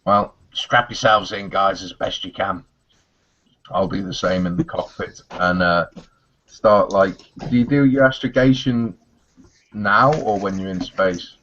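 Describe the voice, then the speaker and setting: A man's voice: sits low, steady tone, measured pace, a bit bright, a little hiss or hum. A man playing a pilot character in a tabletop role-play, talking casually and a little hesitantly about what he does. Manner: casual, hesitant, describes his character's actions. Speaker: player. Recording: dull lo-fi group recording.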